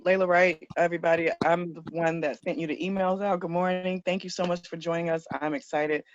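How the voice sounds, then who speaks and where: A woman's voice: on the low side, fairly even intonation, a little fast. A woman coordinating a youth program, welcoming students on a video call in a casual, encouraging way. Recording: muffled video-call audio.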